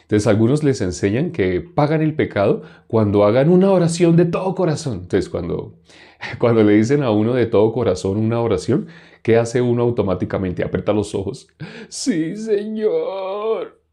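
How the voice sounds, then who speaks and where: A man's voice: on the low side, animated, brisk, warm tone. A man preaching a conversational Bible-teaching sermon, asking his listeners questions and mimicking people straining in prayer.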